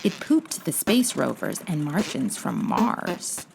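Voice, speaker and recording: A woman's voice: deep voice, sing-song, takes it slowly, vocal fry, darkish tone, a little hiss or hum. A woman reading a children's storybook aloud as host, with dramatic, playful emphasis. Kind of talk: expressive scripted storybook narration.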